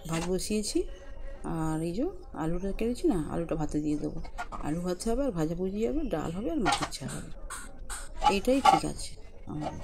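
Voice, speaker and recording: A woman chatting softly to viewers as friends while she does household chores. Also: fairly low pitch, animated, brisk, creaky, long pauses. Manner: speaks softly and quietly. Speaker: vlogger. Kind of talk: casual home vlog chat. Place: house with rooms, kitchen and rooftop. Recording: noisy home recording.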